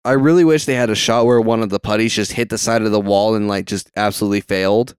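A man's voice: lowish voice, fairly even intonation, fast talker, clean tone, no room sound, studio quality. A young man chatting casually while watching a movie, with a stutter, rambling and swearing freely. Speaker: movie watch-along co-host. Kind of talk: casual chat.

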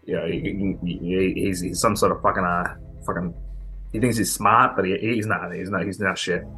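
A blustering young woman with a thick Boston accent swears her way through every sentence, stammering and doubling back, as a man acts her out. Her voice sits low but rings bright and forceful. Faint music plays underneath. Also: steady tone, normal speed. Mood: ranting. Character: brash foul-mouthed young woman from Worcester posing as European.

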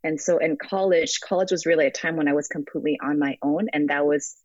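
A woman's voice: sits low, fairly even intonation, fast, darkish tone, dry recording. Guest, young American woman, reflective, hesitant, over a dull, dry call line. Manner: reflective, frequent ums and restarts. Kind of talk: remote interview. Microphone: phone app call.

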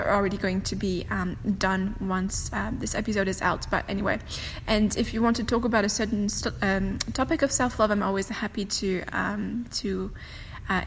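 Her voice is medium in pitch: a podcast host and meditation teacher, native French speaker, chatting quickly and laughing a lot on a casual solo episode. She's recording in a home room with a fireplace on a windy day. Long room reverb and a faint whoosh of wind from the fireplace come through.

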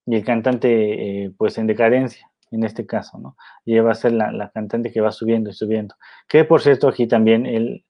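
A man's voice: lowish voice, steady tone, moderate pace. Man, casual film commentary, rambling, lots of fillers, dull lo-fi sound. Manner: rambling, heavy on fillers and tag questions. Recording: dull lo-fi recording.

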